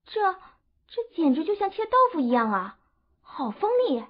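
A man voicing a cheerful, playful teenage girl in an audiobook, in a sweet falsetto. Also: sing-song, moderate pace, husky, dull audio, exaggerated voice. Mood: amazed. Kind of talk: audiobook character voice.

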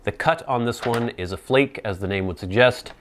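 A man in his thirties or forties giving an informal product review to camera, explaining in a measured, casual way with playful asides. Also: medium pitch, background noise. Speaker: pipe tobacco reviewer. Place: small indoor set with plain backdrop. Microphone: lapel mic.

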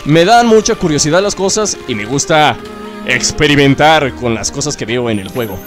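A young man, chatting excitedly as he plays through a video game and cheers himself on. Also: on the high side, moderate pace. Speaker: gaming YouTuber. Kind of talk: let's play commentary. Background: game music.

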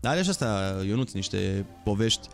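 A man chatting casually in a radio studio, telling stories with quick asides. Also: fairly low pitch, gravelly, soft background music. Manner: animated storytelling, quick asides. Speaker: comedian guest. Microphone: studio microphone.

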